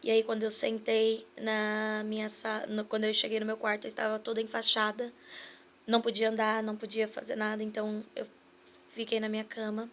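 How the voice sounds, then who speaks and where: In a casual podcast interview, a female guest with a Brazilian Portuguese accent recounts her personal testimony earnestly and plays out the dialogue she recalls. Her voice is on the high side, a bit bright and monotone, and she talks a little fast.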